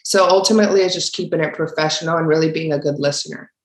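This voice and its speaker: A woman's voice: low voice, quick pace. A young woman from Mexico, a referee answering interview questions in an earnest, casual way with frequent fillers. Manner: earnest, many fillers, speaks up on key points. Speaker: guest, basketball referee. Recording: roomy echo.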